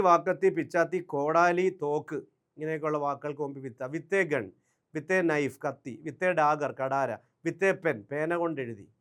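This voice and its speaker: A man teaching English grammar to exam candidates in a Malayalam online lesson, reading out word lists, asking the class quick questions and speaking English with a Malayali accent. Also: fairly high pitch. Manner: drills words aloud in lists, asks the class quick questions.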